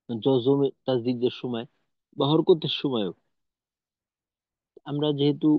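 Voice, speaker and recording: A man's voice: mid-range voice, dry recording. Man teaching over a tinny line. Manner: patient, explanatory, demonstrates sounds. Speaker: Quran recitation teacher. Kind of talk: online tajweed lesson. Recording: dry, tinny phone-like audio.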